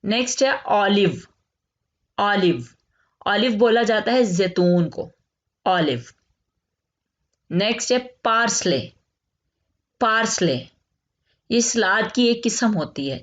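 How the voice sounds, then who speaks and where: Woman, vocabulary teacher, slow and repetitive, mid pitch, slightly muffled recording. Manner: repeats each word, asks quick check questions.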